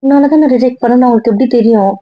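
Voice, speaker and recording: A woman voicing a hurt young woman who questions her partner with quiet reproach. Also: a little high, racing, dry recording, highs cut off, close to an everyday voice. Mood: teasing. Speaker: young wife or girlfriend. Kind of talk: Tamil audio drama acting.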